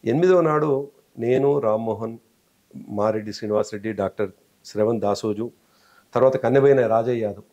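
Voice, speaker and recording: A man's voice: medium pitch, fairly quick, long pauses, mellow, dull audio. A man with a Telangana Telugu accent, an interview guest telling a long story and acting out quoted speech.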